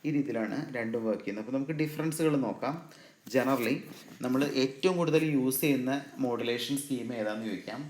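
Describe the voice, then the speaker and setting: A man with a Malayali accent giving an exam-prep lecture. He asks the class questions, answers them himself, and reads English definitions out slowly. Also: mid-range voice, darkish tone, echoey room, a little hiss or hum. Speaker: exam coaching teacher.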